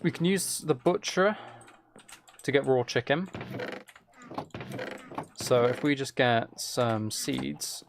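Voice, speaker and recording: A gaming streamer with a gravelly, creaky, mid-pitched voice talks himself through a game, musing and hesitantly planning aloud. He's animated but slow and pauses often, with faint noise, keyboard typing and mouse clicks in the background.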